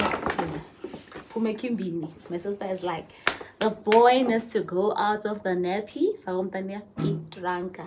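This female vlogger has a mid-range voice and a noisy background. Filming indoors in her bedroom with a phone held at arm's length, she chats casually through a haul, repeats phrases, and mixes in Zulu words.

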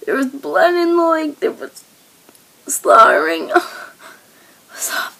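A woman's voice: sits high, unhurried, creaky, pushed and bright. A woman crying as she reacts to a video, her talk often dropping into tearful whispers. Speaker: video blogger.

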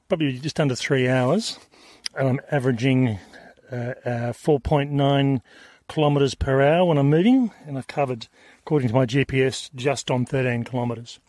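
A man's voice: medium pitch, moderate pace, no echo. Rambling man on a hiking trail. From Australia. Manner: relaxed, rambling, with many fillers and restarts. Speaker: podcast host. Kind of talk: on-trail audio diary. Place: outdoors on a rail trail.

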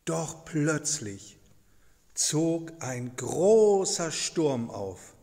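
A man telling a Bible story to children in a slow, dramatic storytelling manner. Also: mid-range voice, big-room sound. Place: church.

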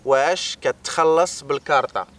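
A man's voice: a little high, fairly bright tone. Male co-host, patient and repetitive, voice a little raised, recorded from a distance. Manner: patient, repeats phrases slowly for learners. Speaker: co-host teaching Moroccan Arabic. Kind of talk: casual language lesson. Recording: voice a bit far from the mic.

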